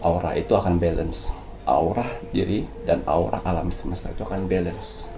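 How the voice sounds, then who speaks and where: A low-pitched man speaks at normal speed in a steady tone, playing a spiritual medium who preaches mystical guidance and coaches listeners, addressing them as "sayang." Background noise is present.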